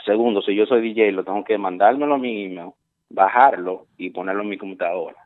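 Hombre llamando a la emisora por teléfono, voz grave y tono didáctico, mezcla frases en inglés, audio de línea telefónica. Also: male voice, fairly low pitch, a little fast. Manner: earnest, explanatory, repeats words, mixes in English phrases. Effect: heard through a phone line. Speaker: radio show caller. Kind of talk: explaining advice on air as a caller. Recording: tinny phone line.

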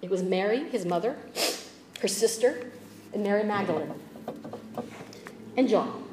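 A woman preaching a sermon, shifting between dramatic swells and quiet, chatty asides to her listeners. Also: mid-range voice, expressive, a little slow, roomy sound, slight background noise, low-quality recording. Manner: dramatic swings in volume with conversational asides.

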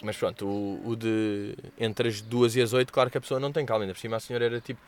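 A young man with a European Portuguese accent hosts a podcast, answering listener questions in a casual storytelling chat. His voice sits on the low side and he talks fast, slangy and animated, acting out quoted dialogue with exaggerated voices.

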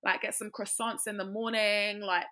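A woman's voice: mid-range voice, flat delivery, normal speed, bright, forceful tone. A British woman hosting a casual podcast, chatting in a slangy, emphatic way. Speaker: podcast host. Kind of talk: casual chat.

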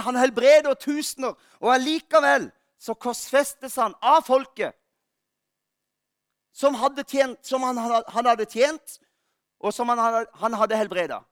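A male pastor giving an Easter sermon, telling funny stories about himself with lively warmth. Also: extremely high pitch, no room sound, clean studio sound. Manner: lively storytelling, self-mocking humor.

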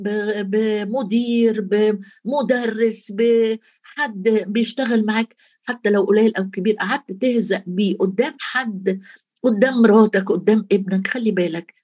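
An Egyptian woman preaches in a casual, conversational way. She turns to the listener again and again as she goes. Her voice is husky and sits at a middle pitch. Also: a little mellow. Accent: Egyptian Arabic. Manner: conversational, addresses listener directly. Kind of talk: sermon.

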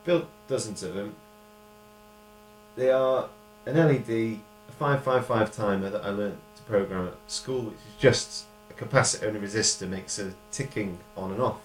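A man's voice: fairly low pitch, moderate pace, echoey room, slight background noise. A man co-hosting a podcast, chatting casually, laughing often and reading his own rhymed poem aloud. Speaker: podcast co-host and poet. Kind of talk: casual chat and poetry reading.

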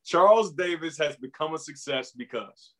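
A man's voice: on the high side, expressive, moderate pace, fairly bright tone. A man hosting a casual sports interview, informal and affirming, repeating himself for emphasis. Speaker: podcast host.

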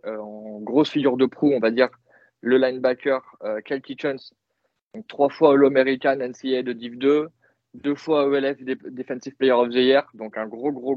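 A man's voice: mid-range voice, dry recording, dull audio. A man co-hosting a casual sports podcast, talking with many fillers and restarts. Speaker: podcast co-host.

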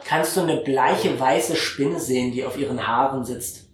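A man narrating a tabletop game as the game master, giving slow drawn-out voices to the characters. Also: mid-range voice. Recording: echoey room, distant mic, faint noise.

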